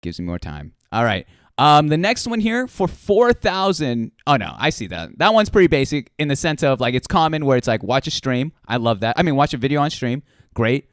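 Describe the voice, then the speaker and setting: Man, late twenties, playful stream host, clear smooth voice, swooping intonation, dry close mic. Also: medium pitch, normal speed, no echo. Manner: animated, playful, repeats phrases for emphasis. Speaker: interview show host. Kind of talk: casual livestream interview chat. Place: small room at home. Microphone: close boom microphone with headset.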